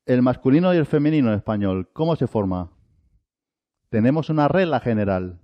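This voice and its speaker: A man teaching a Spanish lesson, drilling single words one at a time with long pauses between them. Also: mid-range voice, lively intonation, no room sound. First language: Arabic. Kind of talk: slow, deliberate language lesson. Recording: dull, lo-fi dry recording.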